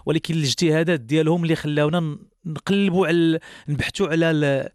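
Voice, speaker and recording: Man, Moroccan accent, singer in an interview, very fast, dry close sound. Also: on the high side, fairly even intonation, no echo. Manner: earnest, restarts often. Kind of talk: interview answers.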